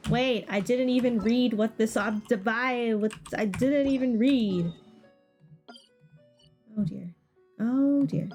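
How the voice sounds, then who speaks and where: With video game music behind her, a woman streaming a game rambles casually to her viewers. Her voice is fairly high and a little mellow, and she takes it slowly, pausing often.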